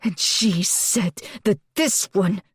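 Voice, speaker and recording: A man voicing a frantic, delirious teenage boy who is a shapeshifting crow, screaming and raving in a very high voice. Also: takes it slowly, slightly rough, no room sound, clean studio sound, full character voice.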